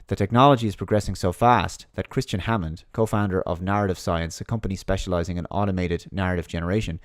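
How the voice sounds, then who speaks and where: A man's voice: low voice, fairly even intonation, quick pace, dry recording, clean studio sound. A man giving a monologue commentary, reading out an article and mocking his opponents in sarcastic put-on voices.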